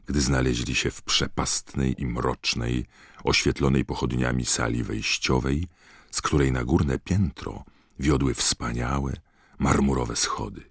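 Very deep-voiced male audiobook narrator. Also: fairly even intonation, a little slow, breathy edge, no room sound, studio quality.

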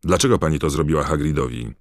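A man voicing an angry, defiant teenage boy wizard in an audiobook, calling out loudly. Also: very deep voice, fast talker, no echo, clean studio sound. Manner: shouting, defiant. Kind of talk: audiobook character voice.

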